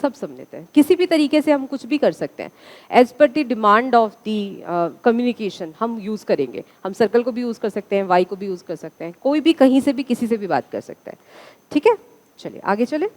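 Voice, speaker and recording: A woman's voice: on the high side, lively intonation, moderate pace, a little mellow. A woman teacher giving a classroom lecture, asking the students questions and answering them herself.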